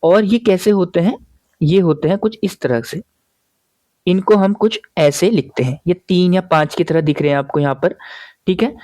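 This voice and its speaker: A male teacher walks his students through a lesson in a warm, mellow voice, patiently asking questions and then answering them himself. He keeps pausing to check that his listeners are following. The sound is close and dry, with no room around it. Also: high voice, no echo. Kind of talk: classroom grammar lesson.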